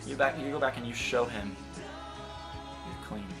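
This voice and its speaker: A man's voice: medium pitch, moderate pace, creaky. Earnest young male preacher over guitar. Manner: earnest, builds to impassioned emphasis then drops soft. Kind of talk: sermon. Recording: guitar music playing underneath.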